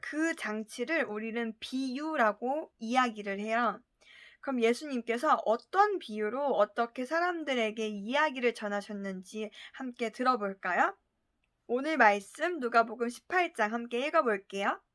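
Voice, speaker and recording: A woman's voice: on the high side, moderate pace, fairly bright tone. A woman preaching to a church youth group in a casual, chatty way, often asking the listeners questions. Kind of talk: casual sermon to teenagers.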